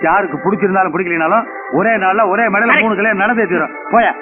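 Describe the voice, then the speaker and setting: A man's voice: sits high, fast, lightly acted. An actor playing a bullying father. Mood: domineering. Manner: shouting, threatening. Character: bullying father of three daughters, middle-aged. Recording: phone-like band with loud film music.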